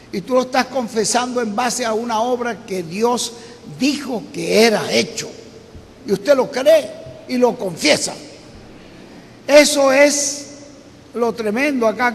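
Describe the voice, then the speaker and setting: High-voiced Venezuelan preacher in an echoey hall. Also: male voice, slight background noise. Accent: Venezuelan Spanish. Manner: retells stories, acting out the voices and shouting the climaxes. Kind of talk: storytelling sermon. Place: church meeting hall. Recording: echoey hall with faint ambience.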